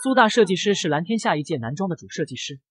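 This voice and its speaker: A man's voice: high-pitched, big pitch swings, fast talker, soft background music. A man voicing a stern, commanding male company director who gives cold orders. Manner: cold, authoritative.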